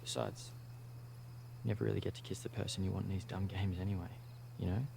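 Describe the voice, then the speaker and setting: An actor playing a laid-back young male camp counselor in a video game, with a gravelly, shrugging delivery. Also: low-pitched, steady tone, quick pace, noisy background. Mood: dismissive. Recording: game audio under music.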